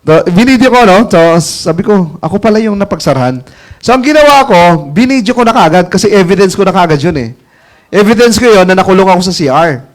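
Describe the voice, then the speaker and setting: A high-pitched, animated man talks a little fast as he tells a story to an audience. He's a network marketing mentor, chatty and quick to laugh, often asking "alam mo yung ganun?".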